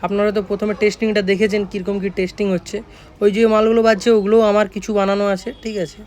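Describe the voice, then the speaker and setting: With a high-pitched, darkish voice and a level tone, a man from Jhargram in West Bengal rattles through his vlog very fast. He runs a speaker workshop and talks casually in a West Bengal accent, going over the same points again and often seeking agreement with tag phrases.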